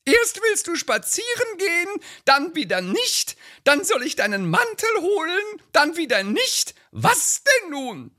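A man playing a fussy, nagging middle-aged wife in a recited comedy sketch, with a shrill, reproachful voice. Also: wildly swooping pitch, unhurried, hardly any pauses, bright, forceful tone, full character voice.

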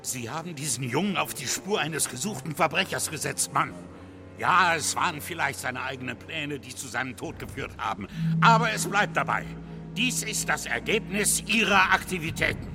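An actor playing a stern police inspector in a radio drama, blunt, commanding and reproachful. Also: male voice, a little high, animated, moderate pace, music in the background. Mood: stern, accusing. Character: Inspector Lestrade, stern, accusing male police inspector. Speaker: actor in a detective radio play. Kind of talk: German radio drama acting.

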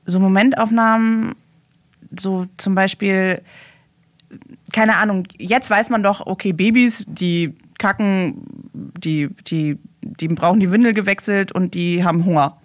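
Woman, young adult, guest, personal storytelling, halting, dry close sound. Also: mid-range voice, dry recording. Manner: halting, searching for words.

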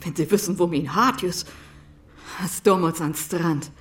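A woman speaking with a Low German accent, acting a wistful role in a radio play and drifting into whispers. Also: unhurried.

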